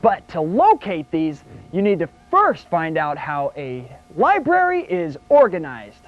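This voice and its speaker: An actor playing a flamboyant carnival barker who presents information in showy announcer patter. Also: male voice, on the high side, huge pitch swings, unhurried, muffled recording. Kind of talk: scripted educational film.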